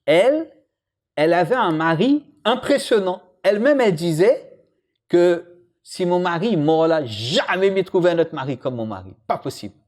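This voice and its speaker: A man gives a relaxed religious lesson. His voice swings widely in pitch, and he often turns to question and tease the people listening. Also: moderate pace. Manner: lively, jokes with and questions the audience. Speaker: imam teaching a religious lesson.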